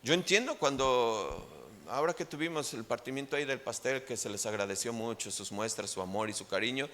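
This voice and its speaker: A Mexican pastor with a Mexican Spanish accent, preaching a sermon emphatically and rising in pitch on key points. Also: male voice, expressive, brisk, fairly bright tone.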